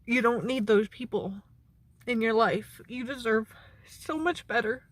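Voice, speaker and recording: A woman with a fairly high voice talks very slowly in a personal, confessional vlog. She sounds anxious and shaken, leaving long pauses as she speaks earnestly. The sound is dry, with little echo. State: anxious, shaken during a panic attack. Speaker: mental health vlogger. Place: outdoors beside a parked car.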